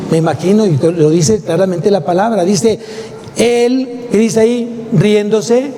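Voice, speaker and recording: A man's voice: high-pitched, mellow. A man with a Mexican Spanish accent preaching a sermon, speaking emphatically and putting rhetorical questions to his congregation. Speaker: pastor. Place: church sanctuary. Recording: long church hall reverb, faint noise.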